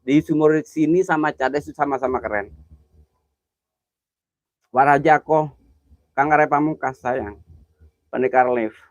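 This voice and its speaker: A man's voice: a little high, measured pace, long pauses, no room sound. A man hosting a live ghost-hunting stream, chatting nervously with viewers and calling out their names. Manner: jumpy, chatty, greets viewers by name, nervous exclamations. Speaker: livestream host. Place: outdoors at night near an old well.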